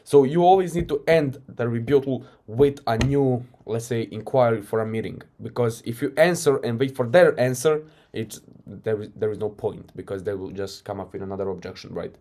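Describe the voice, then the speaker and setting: Talking through a recorded sales call as a coach, this man has a Croatian accent and a loose, conversational style, frequently adding "right?". He speaks in a mellow mid-range voice at normal speed with hardly any pauses.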